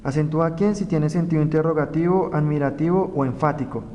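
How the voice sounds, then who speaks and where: A young man from Colombia, a student reading a grammar lesson aloud in a slow, careful way. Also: a little high, warm tone. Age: young adult. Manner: slow, careful reading of rules and example words. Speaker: student presenter. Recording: roomy reverb, faint background noise.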